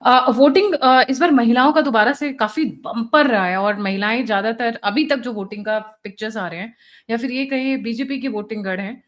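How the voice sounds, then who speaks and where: A woman's voice: a little high, normal speed. A woman hosting a political discussion, speaking hesitantly with fillers while she thinks aloud. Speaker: host.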